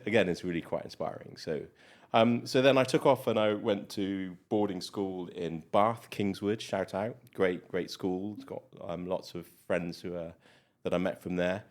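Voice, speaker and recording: A man with a very deep voice and a British accent talks through his story at a relaxed clip. He chats casually as a guest, filling pauses with ums and uhs. He sounds middle-aged. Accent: British English. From Malawi. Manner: chatty, many fillers, rambling. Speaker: guest doctor. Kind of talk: casual interview chat.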